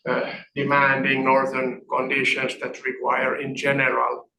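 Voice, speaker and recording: A middle-aged man from northern Finland giving an academic seminar talk, speaking haltingly with restarts. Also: mid-range voice, gravelly, noisy background. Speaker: guest lecturer. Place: lecture room. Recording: echoey hall from far off.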